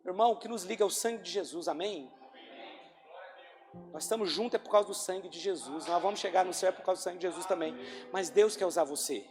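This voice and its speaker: A man preaches to his congregation as their pastor, earnest and given to repeating his points, his voice rising and falling in loudness. The sound carries a long reverb from a church hall. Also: sits high, fast talker, soft background music. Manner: earnest, repeats lines, swings loud and soft. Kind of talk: sermon.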